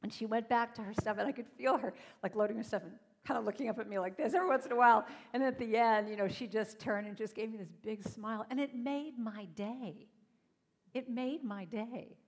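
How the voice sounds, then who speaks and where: A woman speaks to a congregation, telling stories in an animated way and acting out the voices of the people in them. Her voice sits fairly high. A long reverb trails after her words, as in a large hall. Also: a little fast, breathy edge. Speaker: singer and speaker at a church service. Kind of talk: storytelling talk to a congregation.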